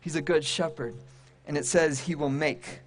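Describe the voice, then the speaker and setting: A man preaching a sermon to a congregation, with emphatic, repetitive phrasing and dramatic pauses. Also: fairly high pitch, steady tone, faint music behind. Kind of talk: sermon to a congregation and online audience.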